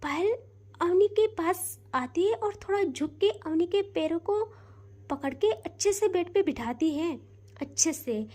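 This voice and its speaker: A woman's voice: very high-pitched, lively intonation, a little slow, mellow. A woman narrating a romance audio story in a casual, conversational way.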